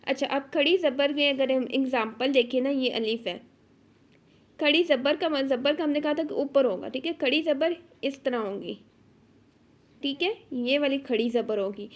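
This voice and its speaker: A woman with a Pakistani Urdu accent gives an online Quran tajweed lesson in a high-pitched voice. She works through each rule patiently and step by step. She pauses often to check that her students are following. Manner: patient, explains step by step with frequent check-ins. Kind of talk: online lesson explaining rules.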